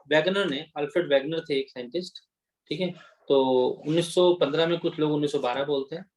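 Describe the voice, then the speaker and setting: This is a male teacher with a slightly higher voice than most men, giving an exam-prep geography lecture. He explains off the cuff, mixing in English terms, stumbling and restarting now and then. He keeps checking in with his students as he goes. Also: slight background noise. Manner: unscripted explaining with fillers and restarts, Hindi mixed with English terms; repeats "ठीक है" to check in with students.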